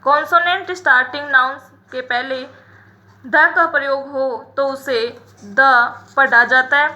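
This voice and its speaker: A woman teaching English grammar in a lesson, explaining each example slowly and repeating the rule. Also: sits high, bright, forceful tone, highs cut off. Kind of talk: classroom-style grammar lesson.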